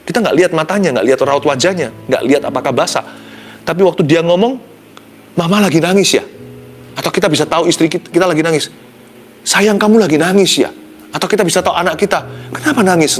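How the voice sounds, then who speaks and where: A man preaching a devotional sermon as a pastor, expressive, dropping soft and low then rising to sudden exclamations, slipping English phrases into his talk.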